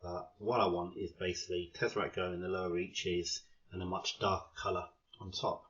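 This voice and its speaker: A man's voice: low voice, level tone, brisk, fairly bright tone, lo-fi sound. A man casually talking through his miniature painting, rambling and self-deprecating with lots of ums. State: out of breath. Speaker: hobby painter.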